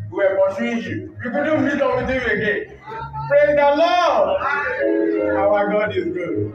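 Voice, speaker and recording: A man leading a congregation in praise, exhorting them with drawn-out calls into a handheld mic. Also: high-pitched, muffled recording. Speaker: church minister leading praise. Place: large church hall. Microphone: handheld microphone. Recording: echoey hall, far mic, loud music.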